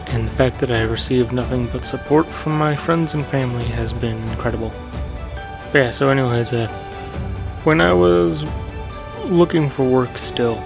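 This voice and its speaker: With a gravelly, medium-pitched yet soothing voice, the host of a gaming channel muses aloud in a relaxed, reflective monologue. His talk wanders, full of fillers and self-corrections.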